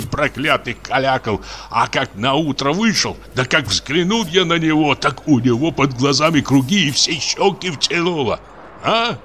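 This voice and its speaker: A man's voice: medium pitch, pushed and bright, a little hiss or hum, voice pushed up. A man voicing a frightened, superstitious village deacon who grumbles and rants tearfully. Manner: grumbling, accusing, tearful muttering.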